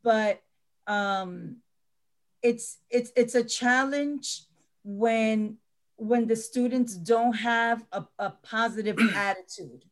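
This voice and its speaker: A woman's voice: fairly high pitch, slow. A middle-aged woman teacher talking earnestly in a panel discussion, often repeating words as she stresses a point.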